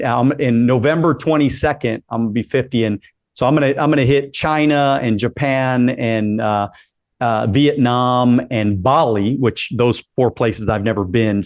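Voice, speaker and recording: A man's voice: mid-range voice, normal speed, darkish tone, dry recording. A man in his late forties hosting a casual interview, upbeat and encouraging, often repeating himself as he talks. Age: 40s. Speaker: podcast host.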